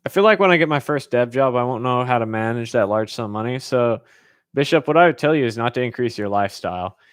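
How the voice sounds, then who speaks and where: In an easygoing Q&A, an American man from California responds to viewer questions, rambling informally as ideas come to him. He speaks quickly in a mid-range voice with lively intonation and a clear, resonant tone, in a dry, studio-quality recording.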